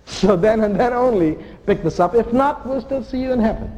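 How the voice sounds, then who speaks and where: A man's voice: very high voice, animated, brisk, mellow, a little hiss or hum, low-quality recording. A man from India, preaching a sermon to a church congregation in an earnest, emphatic way, with joking asides. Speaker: visiting missionary preacher. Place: church sanctuary.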